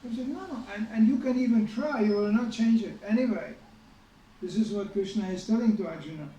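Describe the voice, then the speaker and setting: With a high, warm voice and a brisk delivery, a man teaching a scripture class shares a sermon story casually, sprinkling in frequent remarks to his audience. The sound is lo-fi and echoey, picked up by a distant mic in a hall with slight background noise.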